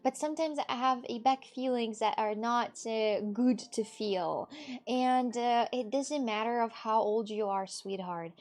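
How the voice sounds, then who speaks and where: A woman's voice: a little high, unhurried, darkish tone. A woman in her twenties, a streamer chatting casually with viewers, rambling, laughing often and swearing freely. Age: 20s. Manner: rambling, giggly, frequent swearing. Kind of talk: casual chat answering viewers.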